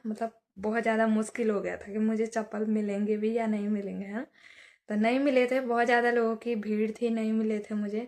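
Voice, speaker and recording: Young woman, casual storyteller, slightly high voice, flat delivery, chatty asides. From Uttarakhand hills. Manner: chatty, many fillers and "है ना" asides. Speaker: vlogger.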